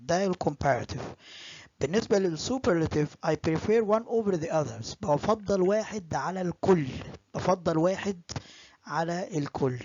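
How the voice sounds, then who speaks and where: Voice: medium pitch, a little mellow, slightly rough, no echo. Egyptian accent english teacher doing a recorded grammar lecture, mixes arabic and english, repeats examples, muffled dry audio. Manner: repeats examples slowly and often; switches between Arabic and English.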